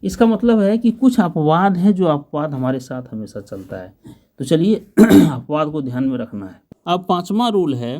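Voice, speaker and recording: A man's voice: on the high side, sing-song, warm tone. A man teaching English grammar, spelling out each word letter by letter and asking questions as he goes. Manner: patient, spells letters slowly and asks the class questions. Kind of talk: slow grammar lesson, spelling out words.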